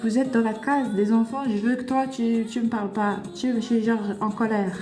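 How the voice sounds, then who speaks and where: A woman's voice: fairly high pitch, fairly even intonation, normal speed, mellow, roomy sound, soft background music. Fervent woman preaching on a live stream. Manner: fervent, scolding and rhetorical questions. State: tearful. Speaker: livestream host. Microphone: phone.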